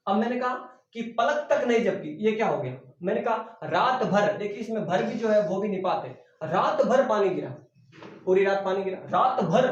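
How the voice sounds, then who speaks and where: High-pitched teacher in an echoey room. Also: male voice. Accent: Rajasthani Hindi. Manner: asks questions and answers them himself, repeats key terms. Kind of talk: exam-prep grammar lesson. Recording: very echoey, dull lo-fi room recording.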